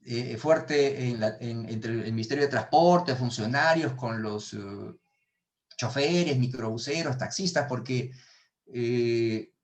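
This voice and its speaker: A middle-aged man with a Peruvian Spanish accent, giving an economics lecture in a webinar, stumbling over his words and restarting often, heard over a video call. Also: medium pitch. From Peru. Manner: hesitant, many restarts and repeated words. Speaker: economics professor. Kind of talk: webinar lecture answering questions.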